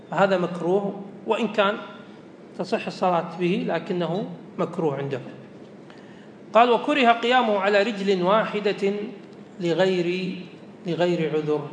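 Guy teaching a law lesson, reads a line then explains it over again, high voice, roomy hall sound. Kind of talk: lesson explaining a read-out text. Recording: echoey hall with faint rumble.

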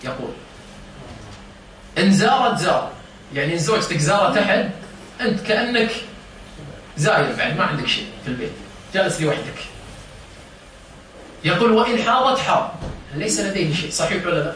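A high, bright-voiced man leads an informal religious lesson, pausing to quiz his listeners and explain each word. He is heard from a distance in a very echoey room. A faint hiss of noise runs underneath. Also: big pitch swings. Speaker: religious teacher. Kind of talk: informal lesson to a seated circle.

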